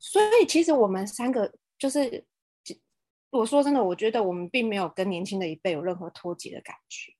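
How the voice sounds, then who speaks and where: A woman's voice: mid-range voice, fairly quick, warm tone, dry recording. A woman with a Taiwanese accent chatting casually on a podcast as co-host, in a self-mocking, mildly exasperated way.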